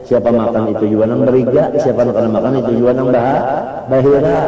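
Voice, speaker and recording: A man's voice: mid-range voice, warm tone. A man with a Banjar accent giving a chatty, joking sermon to a congregation, laughing often as he talks. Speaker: preacher. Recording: echoey hall, distant mic, crowd.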